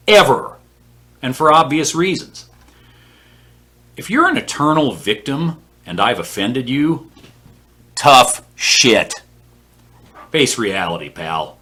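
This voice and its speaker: Male, 50s, low-ish voice, brash opinionated vlogger, plain-spoken with some cursing. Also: sharp tone. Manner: blunt, scornful, profane. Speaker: author and vlog host. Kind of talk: opinionated writing advice vlog. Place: home office.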